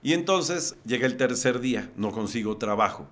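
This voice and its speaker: Mexican man, mid pitch, podcast guest, vivid scene-by-scene storyteller. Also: animated, normal speed. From Mexico, Puebla. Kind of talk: personal storytelling in conversation.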